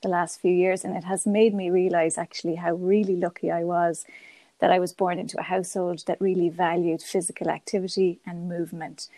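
Speaking a little fast in a low, dark voice with a level tone and no room sound, a Galway woman guests on a podcast. The primary school teacher chats with enthusiasm in her west of Ireland accent, giving conversational interview answers.

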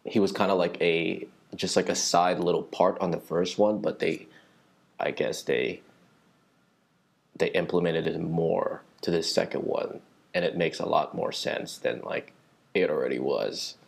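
A man's voice: low voice, unhurried, gravelly, slightly rough. A young man hosting a solo podcast from a small library conference room, chatting casually in a rambling, slangy, swearing style.

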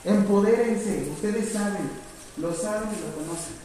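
Coaching nursing instructor, mellow voice, heard from across a big echoing room. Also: medium pitch, a little slow. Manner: coaching, asks questions, urges energy. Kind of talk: hands-on first aid class. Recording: echoey hall, far from mic, faint room noise.

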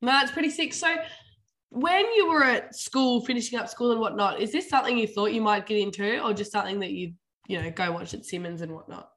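A woman's voice: mid-range voice, a little fast, fairly bright tone. A woman with an Australian accent hosting a casual interview, asking questions in an informal, slangy, conversational way. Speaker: podcast host, interviewer.

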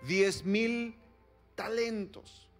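Male pastor, unhurried sermon delivery, Bible reading with questions to listeners. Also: sits high, steady tone, soft background music. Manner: reads scripture then asks the congregation questions.

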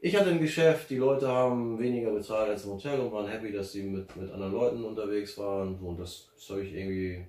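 A man's voice: fairly low pitch, fast talker, few pauses, a little mellow. A man being interviewed, talking casually and rambling with many fillers and restarts. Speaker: interview guest, finance blogger. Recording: roomy, distant from mic.

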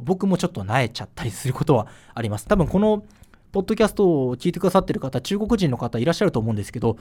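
A man from Fukushima, Japan, hosting a solo podcast in a chatty, animated way with frequent fillers. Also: sits high. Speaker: podcast host.

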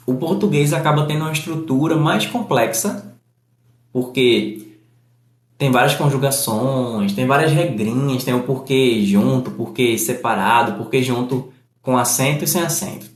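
A man with a Northeastern Brazilian accent, explaining a language lesson slowly and deliberately, spelling out each example. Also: mid-range voice, echoey room. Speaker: language teacher.

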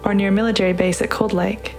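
A woman reading a narrative piece aloud and introducing the program in a measured, deliberate way. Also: mid-range voice, level tone, darkish tone. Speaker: podcast host and reader. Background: music underneath.

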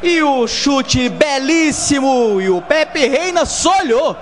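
A man's voice: very high voice, lively intonation, slow pace. A Brazilian man giving live match analysis as a football pundit on the radio. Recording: noisy live radio broadcast.

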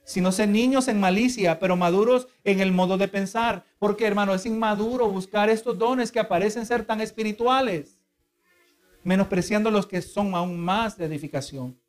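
His voice is high and his pace moderate as he preaches. This earnest man explains his points carefully, keeps asking the congregation to agree with him, and restarts his phrases again and again.

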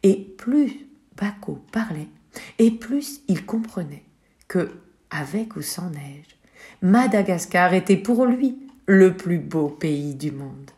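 Woman storyteller for children's podcast, soft and unhurried, warm dark timbre. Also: fairly low pitch, lively intonation. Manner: gentle, soft, with whispered asides.

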